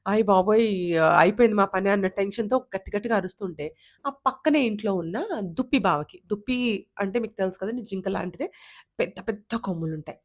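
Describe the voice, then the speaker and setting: A woman storyteller with an animated, conversational delivery, narrating a folk tale for children. She rises and falls expressively with the action, then settles into earnest advice for parents. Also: medium pitch, fast. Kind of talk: storytelling with moral talk.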